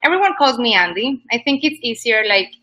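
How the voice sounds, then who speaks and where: A woman in her 20s from Ecuador chats loosely as an interview guest about being a yoga teacher, using plenty of "like" fillers. Her voice is fairly high, sing-song, fairly quick and sharp, and the audio is poor.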